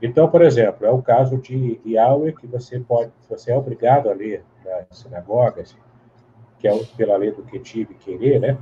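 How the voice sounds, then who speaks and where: With a mellow mid-range voice and a moderate pace, this man is a Bible scholar being interviewed, explaining at length like a teacher. Tag questions and restarts come up constantly. The sound quality is dull and lo-fi, carrying a faint hiss.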